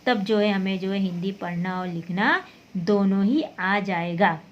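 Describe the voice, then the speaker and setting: A woman's voice: medium pitch, unhurried, highs cut off. A woman teaching Hindi letters, patiently repeating words and checking understanding as she goes. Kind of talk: slow classroom explanation.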